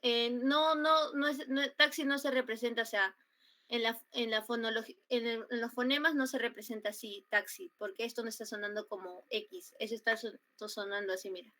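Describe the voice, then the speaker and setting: A young woman with a Peruvian Spanish accent giving an online grammar class, explaining slowly with many fillers and repetitions over a computer mic. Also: fairly high pitch, steady tone, bright, forceful tone. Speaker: student tutor teaching grammar. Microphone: computer mic on a video call.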